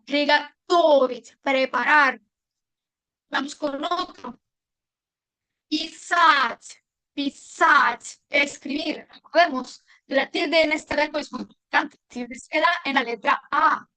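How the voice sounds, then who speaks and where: A woman teaching a language lesson, patient, repeating words slowly and clearly. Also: high-pitched, fairly even intonation, bright, forceful tone, dry recording, rough recording.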